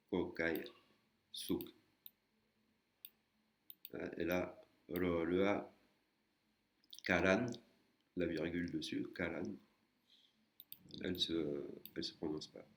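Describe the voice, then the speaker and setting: Slow, deep-voiced male language teacher. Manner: patient, explains step by step with many hesitations. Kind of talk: screen-recorded lesson.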